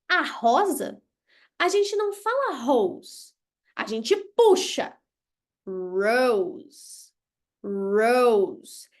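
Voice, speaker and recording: Brazilian lady teaching english live, high bright voice, blunt and jokey, overdoes the pronunciation drills. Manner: blunt, playful, exaggerated pronunciation demos. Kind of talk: live online English lesson.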